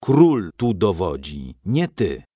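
A man voicing a gruff, commanding knight and father in a storybook, speaking low and firm. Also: very animated, a little slow, a little mellow, no room sound, clean studio sound. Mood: stern.

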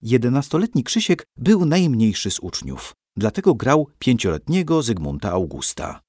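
A man narrating a story for young listeners in an expressive way, acting out the characters. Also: medium pitch, moderate pace, breathy edge, no echo, studio quality.

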